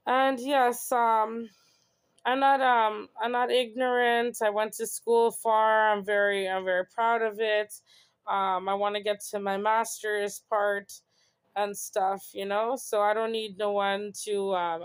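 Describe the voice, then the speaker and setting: A woman's voice: mid-range voice, fairly even intonation, slow pace, clear, resonant tone. A young woman from Canada, hosting her own show in an earnest, rambling personal monologue. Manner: earnest, reflective, rambling with many "you know"s. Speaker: host.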